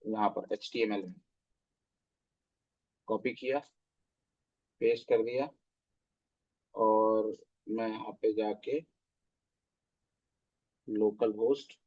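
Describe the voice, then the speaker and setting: A man's voice: fairly low pitch, steady tone, slow pace, long pauses, dull audio. A man teaching web development in a live online class, walking through code step by step and checking in with his students. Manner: explains step by step, often checks with "theek hai". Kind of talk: live online coding lecture.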